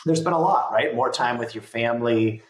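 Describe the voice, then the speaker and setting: A man's voice: mid-range voice, a little fast. A man speaking casually as a podcast guest from a room at home. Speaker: podcast guest, business leader. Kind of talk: casual interview chat. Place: home guest bedroom or office. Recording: roomy home echo.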